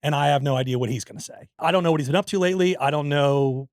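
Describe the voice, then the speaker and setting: A man's voice: fairly high pitch, very fast, no room sound, studio quality. A man co-hosting a podcast in casual banter, jokey and self-deprecating, reading listener mail aloud. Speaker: podcast co-host.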